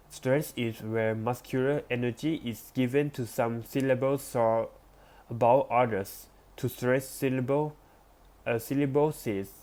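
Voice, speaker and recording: A man reading an academic text aloud as a lesson, careful and deliberate, with small restarts. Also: medium pitch, darkish tone. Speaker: presenter.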